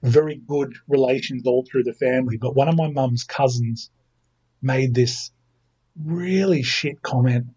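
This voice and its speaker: Speaking a little slowly in a mid-range voice that's a bit mellow and slightly rough, an Australian guy in his thirties chats casually as a podcast guest. The recording has its highs cut off. He pokes fun at himself and keeps restarting his sentences.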